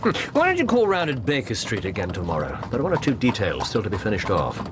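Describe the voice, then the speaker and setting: An actor playing a genial, loyal English gentleman doctor in a radio drama, courteous and conversational. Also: lowish voice, wildly swooping pitch, fast, noisy background. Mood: quietly firm. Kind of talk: British radio drama acting.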